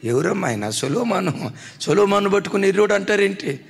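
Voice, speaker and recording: A man's voice: high-pitched, lively intonation, brisk, vocal fry, in a large hall, heavy background noise. A man pastor preaching a sermon, pressing his points with repeated rhetorical questions.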